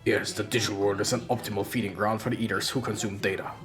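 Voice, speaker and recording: A streamer voicing Omnimon, a grave armored knight guardian, in a forced, strained deep voice with a formal, measured way of explaining. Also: fairly even intonation, music in the background, lightly acted. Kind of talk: game dialogue read aloud.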